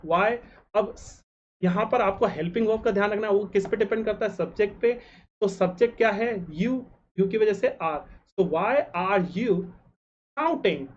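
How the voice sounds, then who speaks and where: Male tutor slowly spelling out sentences. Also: high-pitched, a little mellow, dull audio, slight background noise. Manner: slows down to spell out each English example sentence; asks the class questions and answers them himself. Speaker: English teacher. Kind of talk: grammar lesson.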